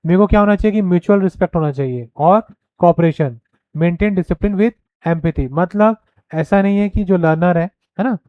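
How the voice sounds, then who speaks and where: A man giving a recorded pedagogy lecture, explaining point by point and checking in with listeners, reading headings slowly. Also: high voice, clean tone, no room sound, narrow, tinny audio. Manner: reads headings slowly and deliberately. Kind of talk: recorded lecture, mixing Hindi and English.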